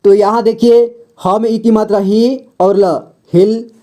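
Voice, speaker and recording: Slow, mellow-voiced teacher sounding out words. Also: mid-range voice, little pitch movement. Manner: patient, repeats words and checks with "ठीक है"; asks the viewer questions, then answers them. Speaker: Hindi reading teacher. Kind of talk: slow reading lesson for beginners.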